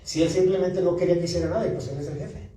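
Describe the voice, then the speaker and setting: Un pastor con acento mexicano predica un sermón a su congregación y cuenta una anécdota personal pidiendo a menudo el asentimiento de los hermanos. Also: male voice, sits high, racing, warm tone. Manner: storytelling, asks the congregation for agreement. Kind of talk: sermon. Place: church. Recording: echoey church hall, distant mic.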